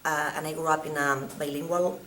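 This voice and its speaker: A woman's voice: sits low, steady tone, fairly quick, fairly bright tone. A woman from Spain with a Catalan-Spanish accent, a Spanish teacher introducing herself with frequent hesitations and fillers. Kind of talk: introducing herself at back-to-school night.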